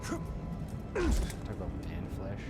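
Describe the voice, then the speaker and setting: A man's voice: deep voice, huge pitch swings, takes it slowly. A man giving casual, goofy and irreverent commentary while streaming a video game. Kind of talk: casual, joking gameplay commentary. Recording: game music behind the voice.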